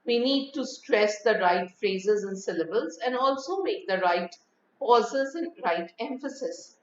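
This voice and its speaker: Woman lecturer with a slightly high voice, explaining with a lively demonstrating manner, muffled lo-fi recording. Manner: demonstrates pitch and emphasis, reads rhymes slowly and expressively. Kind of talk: lecture on voice and speaking. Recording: dull lo-fi audio.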